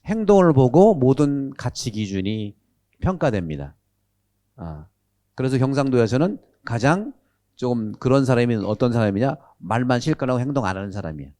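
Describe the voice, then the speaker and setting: Man, priest, catechism lecture, from Jeolla, quizzes the audience, very expressive pitch. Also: normal speed. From Jeolla, Korea. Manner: animated, asks the audience questions.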